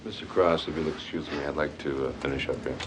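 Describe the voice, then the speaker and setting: Chill private investigator, dry and teasing, outdoor street noise in the back. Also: male voice, very deep voice, steady tone, quick pace. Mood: calm. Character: easygoing private investigator, adult man, laid-back. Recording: outdoor city noise behind.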